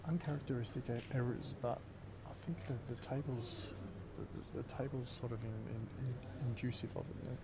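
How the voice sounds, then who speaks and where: A man's voice: mid-range voice, steady tone, moderate pace, gravelly, hardly any pauses. A man giving casual, joking live pool commentary, often stumbling over his words. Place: busy pool venue. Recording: loud crowd noise in a venue. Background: loud crowd chatter.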